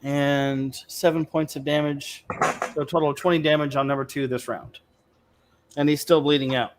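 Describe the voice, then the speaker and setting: A man playing a tabletop game, slowly working out his attack rolls and damage aloud. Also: fairly high pitch, level tone, noisy background. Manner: slow, counts dice totals aloud. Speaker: player. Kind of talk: tabletop game play over voice chat.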